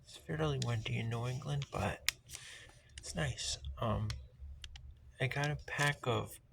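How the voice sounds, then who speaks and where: A man chats casually to his vlog audience in a raspy voice. His delivery is slow, with heavy gravelly fry. A faint layer of windy noise sits behind him. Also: mid-range voice. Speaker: vlogger opening a card pack.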